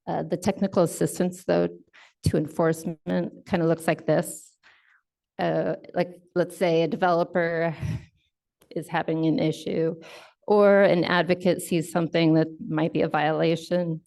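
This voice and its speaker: A woman with state housing enforcement delivers a conference presentation from her slides, her voice on the low side, creaky and a little mellow. She explains calmly and deliberately, though fillers and self-corrections creep in.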